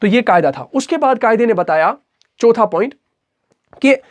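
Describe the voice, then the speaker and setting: High-voiced man teaching recitation rules. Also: expressive, moderate pace. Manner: patient, repetitive, asks and answers his own questions. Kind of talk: explanatory recitation lesson.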